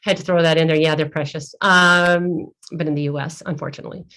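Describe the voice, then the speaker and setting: A woman's voice: deep voice, fairly even intonation, a little fast, pushed and bright. A middle-aged woman guest telling a candid, emotional story in an interview, easily sidetracked. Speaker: guest entrepreneur.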